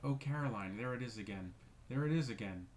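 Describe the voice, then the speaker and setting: A man's voice: medium pitch, lively intonation, a little fast, a little mellow, slight background noise, close to an everyday voice, rough recording. A man playing a weepy, frightened sister. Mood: fearful. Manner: wailing, choked with fear. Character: fearful, weepy woman, grieving sister.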